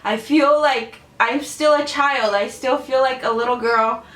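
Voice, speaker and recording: Her high voice keeps a measured pace and a fairly bright tone. This twenty-something beauty vlogger does a relaxed Q&A to camera in the bedroom where she films, chatty and giggly and rambling with many "like"s; the sound is roomy and captured from afar.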